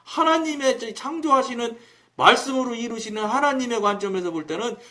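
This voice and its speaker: A man preaching on his own broadcast, telling a story in a colloquial, animated way and acting out the dialogue. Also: very high-pitched, a little fast. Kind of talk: storytelling sermon.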